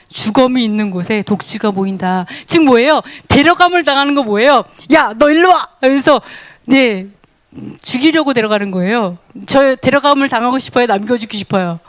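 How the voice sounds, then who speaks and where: Animated woman teaching a sermon. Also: sits high, no echo. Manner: animated, asks many questions, laughs often, acts out quoted voices. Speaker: Bible teacher. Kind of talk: sermon teaching with questions to the audience.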